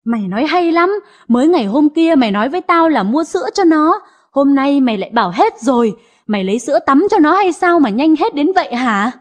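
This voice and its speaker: A woman voicing an elderly matriarch, stern and sharp-tongued, in an audio story. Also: high-pitched, lively intonation, normal speed. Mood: furious. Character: stern grieving elderly mother, family matriarch.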